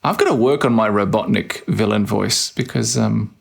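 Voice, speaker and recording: A man's voice: fairly low pitch, normal speed, gravelly, breathy edge. A man hosting a let's play, playfully muttering his typed game commands aloud in casual commentary.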